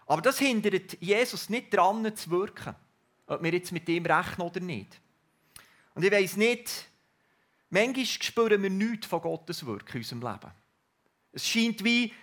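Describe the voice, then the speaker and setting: A man preaching a sermon in an earnest, reflective way with pauses. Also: high voice, a bit bright.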